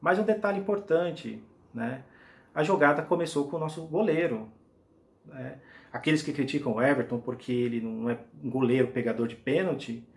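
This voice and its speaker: A man's voice: medium pitch, moderate pace, vocal fry. A man in his forties, a football fan vlogger from Brazil, chatting to camera in a small room, enthusiastic and rambling with many restarts. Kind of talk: casual fan commentary to camera.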